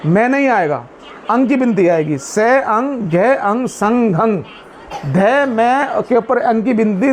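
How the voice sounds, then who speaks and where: High-voiced man explaining to a gathering. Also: a little hiss or hum. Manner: asks the audience questions and answers them himself; chants Pali verses slowly. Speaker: Buddhist speaker at a community meeting. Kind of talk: explanatory talk to a seated group.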